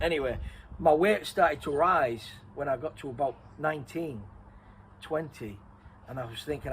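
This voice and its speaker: A middle-aged man talks at an ordinary pitch, spinning a long personal story in a loose, rambling way. He keeps restarting and correcting himself as he goes. A faint ambient hiss sits underneath. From Redcar, North East England. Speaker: interviewee and co-host. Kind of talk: casual storytelling chat.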